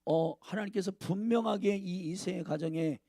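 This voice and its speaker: A man's voice: sits high, normal speed, gravelly, warm tone, no echo, studio quality. A male pastor preaching a sermon, speaking emphatically and addressing the congregation directly.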